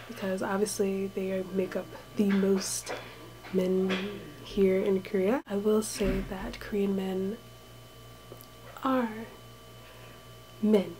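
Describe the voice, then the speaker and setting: A woman talking softly and half-whispering in a casual vlog, recorded in a small room with thin walls. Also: mid-range voice, a little hiss or hum, low-quality recording. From United States. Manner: talks softly and hushed, drifting into whispers. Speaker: vlogger, English teacher abroad.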